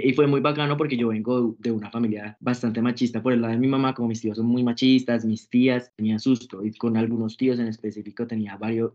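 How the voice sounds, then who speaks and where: A young Colombian man speaks as an interview guest in a middle-pitched voice, talking in a loose, chatty way with lots of fillers. His delivery is lively and personal. The recording is a little dull and lo-fi. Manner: chatty, filler-heavy, expressive. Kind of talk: casual storytelling interview.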